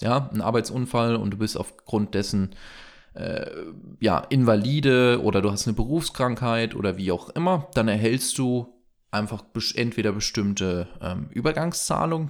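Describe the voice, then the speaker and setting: A man with a lowish, creaky voice co-hosts a podcast, explaining things in a chatty, casual way with many fillers and jokey asides.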